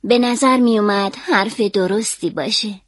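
A woman calmly and expressively reading a children's story aloud. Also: mid-range voice, no room sound, clean studio sound.

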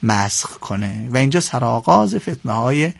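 Brief: male radio guest lecturer, gravelly and a bit husky, dry close sound, lively storyteller. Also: mid-range voice, no room sound. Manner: animated storytelling, quoting figures in shifting tones. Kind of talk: radio interview, explaining history.

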